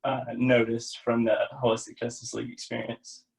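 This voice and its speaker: A man's voice: mid-range voice, monotone, normal speed, gravelly, darkish tone, breathy edge, low-quality recording. A young man speaking earnestly and casually on a video call, with lots of "like". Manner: earnest, laid-back, says "like" a lot. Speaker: community member. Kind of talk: casual Zoom talk.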